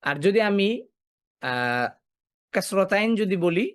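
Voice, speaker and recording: Patient teacher quizzing and repeating. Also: male voice, high voice, animated, slow, clear, resonant tone, dry recording. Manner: asks questions and answers them himself, repeats key points. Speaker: Quran recitation teacher. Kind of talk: classroom lesson.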